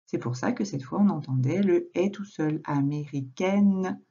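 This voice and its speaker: Woman teacher doing a kids reading lesson, slow and patient, bit gravelly, lo-fi sound. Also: lowish voice, warm tone. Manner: slow, patient, addresses the child directly. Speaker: primary school teacher. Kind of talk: recorded reading lesson for a young child. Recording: dull lo-fi home recording.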